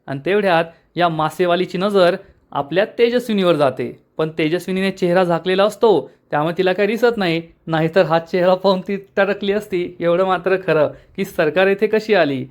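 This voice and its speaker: A man narrating a recap of a TV serial episode with lively, dramatic storytelling. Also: high-pitched, normal speed.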